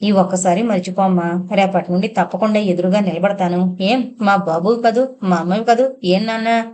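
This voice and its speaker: A woman's voice: medium pitch, fairly even intonation, moderate pace, darkish tone, natural voice. A woman reading an audiobook, voicing a doting young mother who coaxes her son and bristles at her husband. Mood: pleading. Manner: coaxing and pleading, then sharply defensive. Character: doting young mother, indulgent and fiercely protective.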